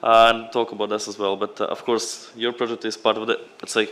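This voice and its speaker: Lower-voiced man. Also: little pitch movement, brisk, a bit bright. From Latvia. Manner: loose, unscripted delivery. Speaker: program representative at a conference. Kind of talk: conference presentation.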